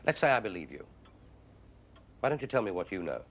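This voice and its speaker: An actor playing a wary, courteous reclusive poet, measured and guarded, in a film. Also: male voice, low-pitched, big pitch swings, fairly bright tone, full character voice. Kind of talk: film acting.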